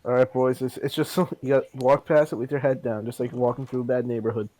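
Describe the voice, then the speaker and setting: A young man playing a horror game with friends, talking loudly and swearing, with jumpy reactions. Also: mid-range voice, flat delivery, fast. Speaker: gamer. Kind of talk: casual gaming banter.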